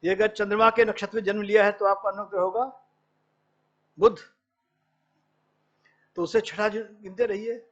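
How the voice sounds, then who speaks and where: A man's voice: high voice, flat delivery, moderate pace, pauses often, a bit bright. A middle-aged male professor giving an academic lecture, explaining patiently and quoting Sanskrit verses. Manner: explains patiently, quotes Sanskrit verses, mixes in English words. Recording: dull lo-fi lecture recording.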